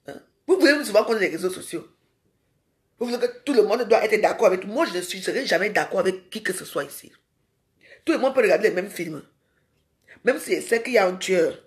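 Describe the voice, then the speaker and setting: A woman's voice: mid-range voice, fairly bright tone. A woman ranting in a live social media video. She is confrontational and scolding and keeps firing rhetorical questions at her viewers.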